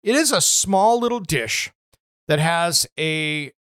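A man's voice: on the high side, takes it slowly, smooth, no echo, clean studio sound. Chatty home improvement radio host, man. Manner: chatty, relaxed, many "uh" fillers. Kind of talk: casual product talk on radio show. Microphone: studio microphone.

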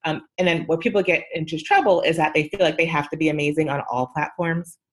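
A woman's voice: low-pitched, quick pace. A middle-aged woman talking casually on a podcast about social media platforms, emphatic and chatty, with many fillers.

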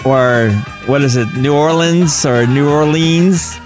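A man's voice: on the high side, over music. Jokey male radio co-host. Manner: jokey, laughing, quick asides. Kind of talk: casual radio talk show chat.

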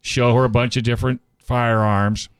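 A man's voice: mid-range voice, level tone, moderate pace, smooth, no echo. Chatty man hosting talk radio. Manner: chatty, folksy, reads sponsor spots. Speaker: radio show host. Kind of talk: casual radio chat.

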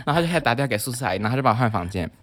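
A man's voice: medium pitch, animated, rapid-fire. A young man with a Taiwanese Mandarin accent, telling a story in a casual, playful way and mimicking voices as a podcast co-host. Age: young adult.

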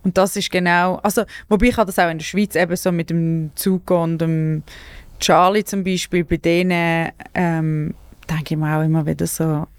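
A woman with a Swiss German accent chats on her comedy podcast, lively and quick to laugh. Her voice sits on the low side for a woman. The sound is close and dry, with no room around it. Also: clean tone, no echo. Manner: chatty, animated, laughs often, loses her thread. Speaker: podcast host, stand-up comedian. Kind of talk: casual podcast chat.

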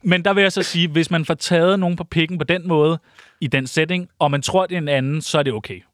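A man's voice: on the high side, steady tone, a bit bright, dry recording. A young man, co-hosting a podcast and trading teasing banter in a casual chat. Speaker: podcast co-host.

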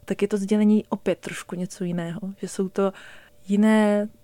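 Warm-voiced woman explaining calmly. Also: medium pitch, no room sound. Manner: measured, deliberate explaining. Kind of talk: explanatory talk.

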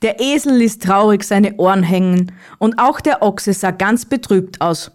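A woman narrating a Christmas children's story in a calm, even reading voice. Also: mid-range voice, a little slow.

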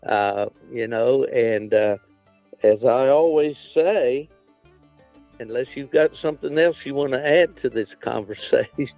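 A man's voice: medium pitch, measured pace, dry recording, phone-quality sound, faint music behind. An older man hosts a casual outdoors podcast in a folksy, plain-spoken way. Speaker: podcast host.

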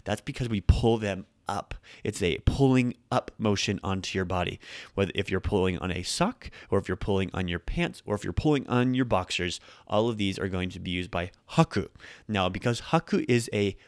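Speaking at a moderate pace in a low-sitting voice with no echo, a man runs a casual Japanese lesson on his podcast. He's a native English speaker and keeps his explanations upbeat and conversational.

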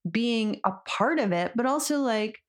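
A woman's voice: fairly high pitch, expressive, a little slow. A woman co-hosting a podcast, agreeing often and adding ideas with laughing asides, on a studio mic. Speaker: podcast co-host. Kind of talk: casual chat. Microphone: studio mic on boom arm.

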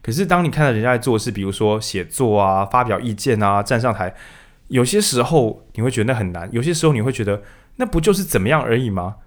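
A man's voice: fairly low pitch, lively intonation, quick pace. A man co-hosting a casual book discussion, acting out quotes in raised voices. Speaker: podcast co-host.

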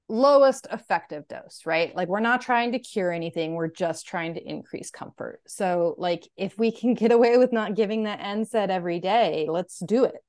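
Woman vet tech on a podcast, chatty, lots of likes and kind-ofs, mid pitch. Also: a little mellow. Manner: chatty, heavy use of "like" and "kind of". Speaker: veterinary technician podcast co-host. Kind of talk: casual educational podcast talk.

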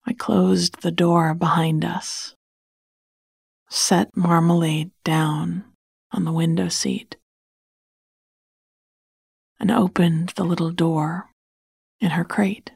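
A woman narrating a bedtime story in a soft, hushed, soothing whisper close to the mic. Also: lowish voice, fairly even intonation, slow, gravelly, long pauses, breathy edge, no room sound.

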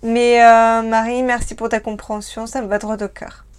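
A woman's voice: on the high side, flat delivery, smooth. Tipsy, chatty woman. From France. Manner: chatty, laughing, speaks fast. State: tipsy from wine. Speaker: livestream co-host. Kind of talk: casual livestream chat.

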